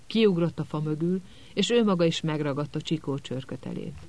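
A man reading an audiobook in measured, even storytelling. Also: a little high. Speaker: audiobook narrator. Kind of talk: scripted audiobook narration.

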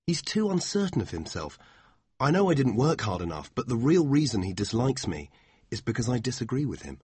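A man voicing a sincere, devoted young man, speaking slowly and earnestly. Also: medium pitch, sing-song, darkish tone, husky, no echo, voice pushed up.

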